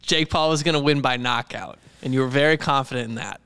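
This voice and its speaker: A man's voice: medium pitch, fast talker, sharp tone, clean tone. A man chatting casually about sports as a podcast co-host, recorded in a reverberant room.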